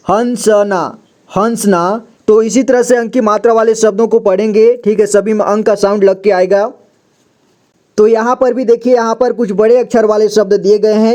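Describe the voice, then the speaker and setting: A man's voice: sits high, dark tone. A man teaching children to read, saying each word twice and breaking it down sound by sound in a patient step-by-step lesson. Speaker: Hindi reading teacher. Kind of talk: slow spelling-out reading lesson.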